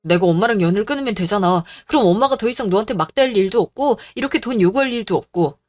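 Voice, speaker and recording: A woman voicing a gentle, devoted young man who pleads softly, in a storybook drama reading. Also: medium pitch, lively intonation, fast, lightly acted. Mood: pleading. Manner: pleading, soft-spoken.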